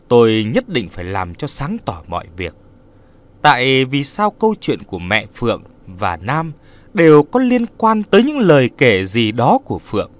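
Male storyteller, ghost story narration, animated and expressive delivery. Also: mid-range voice. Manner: dramatic, expressive.

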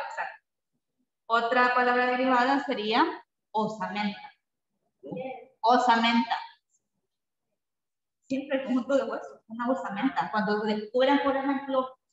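A man's voice: extremely high pitch, a bit bright, a little hiss or hum. A man teaching a spelling lesson to a class, patient and checking in with frequent tag questions. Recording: echoey classroom, far from the mic, dull.

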